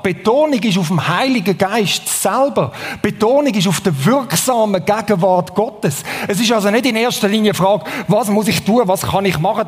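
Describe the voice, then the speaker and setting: A man's voice: high voice, big-room sound. A man with a Swiss German accent preaching a sermon in a conversational way, often asking the audience questions.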